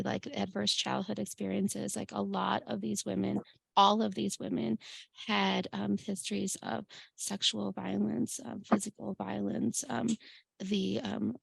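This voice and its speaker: A middle-aged woman from Chicago shares her story with a community group, talking loosely with plenty of "like" and self-corrections. Her voice has a strong gravelly fry, her pitch sits in a mid range, and the sound is dry and close. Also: little pitch movement, a little slow, no room sound. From Chicago, USA. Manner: many fillers and restarts, says "like" often. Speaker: epidemiologist and guest speaker.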